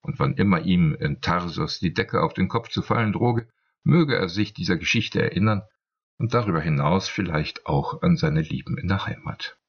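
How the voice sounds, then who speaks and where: Man voicing a teasing older sister, fond, husky, dull lo-fi sound. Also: deep voice, moderate pace.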